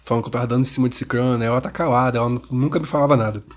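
A man's voice: mid-range voice, fairly even intonation, racing. Heated Brazilian man ranting to camera. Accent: Brazilian Portuguese. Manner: heated, rhetorical questions, slangy and profane. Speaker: vlogger. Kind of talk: casual emotional monologue.

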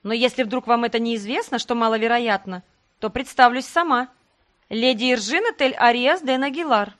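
Icy, sharp-tongued young noblewoman in an audiobook, as the woman narrator voices her. Her politeness is cold and venomous. The voice sits somewhat high. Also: normal speed, natural voice.

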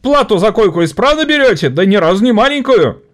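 A man's voice: high voice, very animated, brisk, pitched above the performer's own voice. A man voicing a caustic male textile worker answering back in an audiobook. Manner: caustic, sarcastic.

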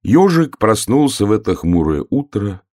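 A man narrating a children's fairy tale in an expressive, animated storytelling voice. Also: fairly low pitch, moderate pace, no echo, clean studio sound. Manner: animated, voices all the characters.

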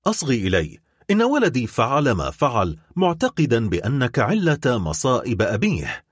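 A man's voice: medium pitch, wildly swooping pitch, normal speed, slightly rough, dry recording, clean studio sound. A man voicing a grieving, desperate middle-aged noblewoman who pleads and cries out in an audiobook reading. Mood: despairing plea.

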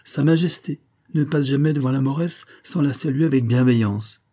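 A man voicing a reserved young captain who speaks in a guarded, measured way. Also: medium pitch, mellow, voice pushed up, close to an everyday voice. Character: reserved young male captain, calm and brooding.

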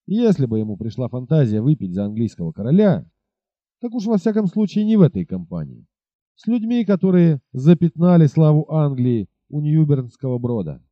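A man reading aloud, voicing a proud mysterious horseman who speaks calmly and mockingly. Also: a little high, no room sound. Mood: scornful. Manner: calm, mocking, slow. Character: proud mysterious male horseman, calm and scornful. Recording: dull lo-fi recording.

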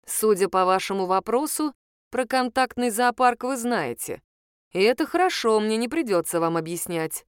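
Woman doing a hushed, shrewd woman sleuth. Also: animated, moderate pace, clear, resonant tone, dry recording, clean studio sound, close to an everyday voice. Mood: conspiratorial. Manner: low, hushed and persuasive. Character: shrewd middle-aged woman sleuth, calm and conspiratorial.

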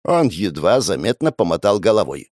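A man's voice: sits low, moderate pace, no echo. A man narrating a first-person audiobook in a sardonic, crude manner, recorded on a close mic. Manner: sardonic and crude, wildly expressive.

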